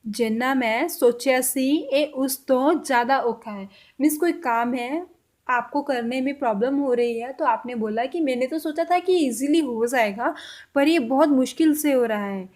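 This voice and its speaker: A woman teaching a language lesson, saying example sentences slowly and repeating them with care. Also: high-pitched, darkish tone.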